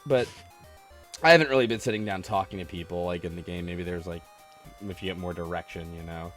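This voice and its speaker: A man with a low-sitting voice talks briskly while hosting a gaming livestream podcast and playing a game. He takes callers and rambles casually in a geeky, self-deprecating manner, with retro video game music in the background.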